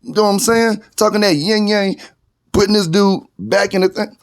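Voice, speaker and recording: A man's voice: high voice, moderate pace. A man co-hosting a casual commentary video, talking in an indignant, slangy, loose way. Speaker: co-host.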